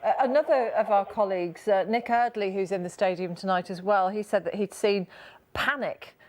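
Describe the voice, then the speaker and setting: A woman's voice: medium pitch, normal speed. A British woman hosting a live news programme, introducing reports and putting questions to reporters. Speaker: news presenter.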